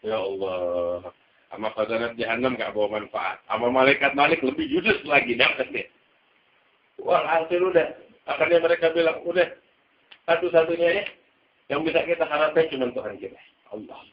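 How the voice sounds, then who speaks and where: A man's voice: medium pitch, normal speed, echoey room, muffled recording. A man preaching a sermon, telling a story dramatically and acting out its voices, mixing Arabic recitation with casual speech.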